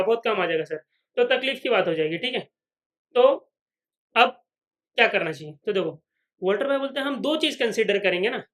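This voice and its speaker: In a very high voice that sounds bright and strained, a man lectures on finance from a whiteboard. He restates each idea, repeatedly makes sure students understand, and acts out questions imaginary students might ask.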